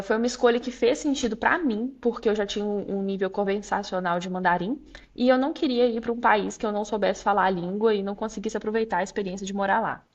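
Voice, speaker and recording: This guest, a young law graduate student from Minas Gerais, Brazil, chats in a relaxed interview in her regional Portuguese accent. Medium-pitched and candid, she tells reflective stories full of "é" fillers and laughs.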